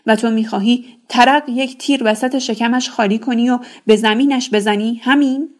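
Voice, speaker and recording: A woman's voice: on the high side, steady tone, close to an everyday voice. A woman reading a novel aloud, voicing a stern father who scolds his daughter. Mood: scolding. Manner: shouting, scolding. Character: stern middle-aged father, the tribe's elder.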